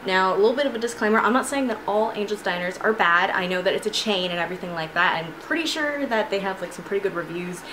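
A young woman, a student, telling a casual storytime vlog in a chatty, animated way with frequent laughs, filmed at home on a camera in her room. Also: mid-range voice, quick pace, hardly any pauses. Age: young adult. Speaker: vlogger. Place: bedroom with shelves of figurines, indoors. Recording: noisy home recording.

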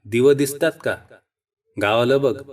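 A man's voice: mid-range voice, a little slow, a little mellow, far from the mic, voice pushed up, close to an everyday voice. A male narrator voicing a bold rustic young village man, brash and teasing, in an audiobook story. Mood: reassuring.

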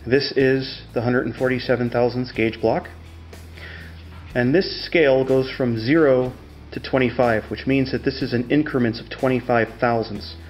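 Demonstrating measuring tools, this middle-aged tutorial host talks through the process step by step in the relaxed, practical manner of a no-nonsense machinist. His pitch is medium, and the recording has its high frequencies cut off.

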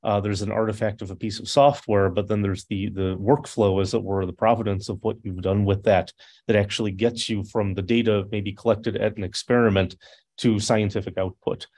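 A man's voice: lowish voice, fairly even intonation, brisk, darkish tone. A man in his thirties moderating a panel discussion over a video call, thoughtful with searching phrasing. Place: office with large windows.

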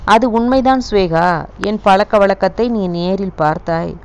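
A woman's voice: medium pitch, normal speed, darkish tone, slight background noise, close to an everyday voice. Brief: woman reading a protective young husband, soothing and pleading, audiobook.

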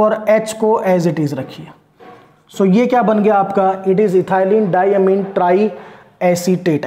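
A man's voice: high-pitched, a little mellow, roomy sound. A man with an Indian accent giving a chemistry lecture, switching between Hindi and English and often checking that his students understand. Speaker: chemistry teacher. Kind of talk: classroom lecture.

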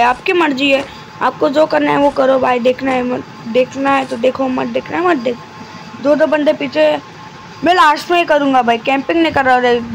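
A man giving live commentary over his mobile game, talking deliberately quiet and chatty, constantly addressing his viewers. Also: very high voice, slight background noise, low-quality recording. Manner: talks deliberately quiet and soft; chatty, keeps addressing viewers as guys and brother.

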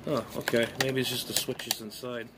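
A middle-aged man, an amateur radio hobbyist and vlogger, rambles casually and mutters to himself while handling items in an unboxing vlog, thinking aloud. His mid-range voice stays level at a moderate pace. It was recorded on a phone propped at arm's length in a small indoor bedroom, with clear background noise and room ambience.

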